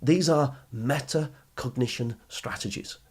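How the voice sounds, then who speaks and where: With a medium pitch, measured pace, and a breathy edge, a British study skills coach hosts a motivational podcast. He addresses listeners directly in an emphatic, explanatory manner, using rhetorical questions and repetition.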